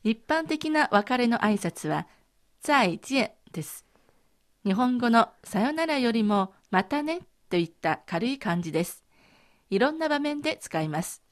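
Female co-host, calm pace, animated melody, clear model phrases. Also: fairly high pitch, a little slow. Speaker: co-host and Chinese pronunciation model. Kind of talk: scripted language lesson.

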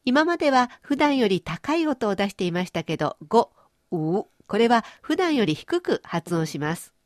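Lively woman teaching pronunciation. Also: on the high side, moderate pace, no echo, clean studio sound. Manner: explains pronunciation with playful everyday images. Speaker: language teacher and host. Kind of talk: radio-style language lesson.

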